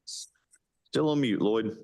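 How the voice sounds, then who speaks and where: A man chairing a board meeting, briskly calling up applicants and asking for questions. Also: fairly low pitch, creaky, darkish tone. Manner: brisk, calls names and asks for questions.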